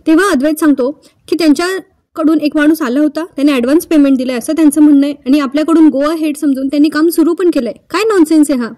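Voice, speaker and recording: A woman with a high, mellow voice tells the story of a TV serial episode in a casual, chatty way. She is recorded close and dry. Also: no echo. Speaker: TV serial recap host.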